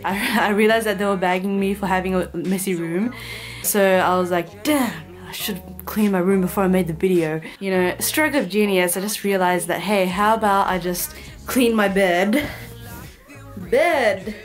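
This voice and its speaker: A young woman, answering viewer questions in a casual, joking vlog. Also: mid-range voice. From Bangladesh. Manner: chatty and joking, lively asides. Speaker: YouTuber.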